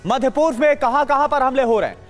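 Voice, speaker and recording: A woman's voice: sits high, fast, faint music behind. A woman anchoring a live television news broadcast, reading breaking updates and putting questions to guests.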